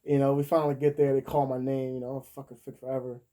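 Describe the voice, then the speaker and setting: A man's voice: medium pitch, little pitch movement, quick pace, mellow. A man in his thirties telling a story in a casual, profane way, laughing often and acting out the people he quotes. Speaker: vlogger.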